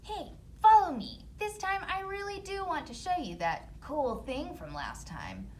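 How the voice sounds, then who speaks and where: A whiny, scheming storybook stepmother, put on by a woman. She is high and swooping, selfish and wheedling, with a fake niceness and faint noise behind. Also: very animated, a little slow, exaggerated voice. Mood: falsely sweet.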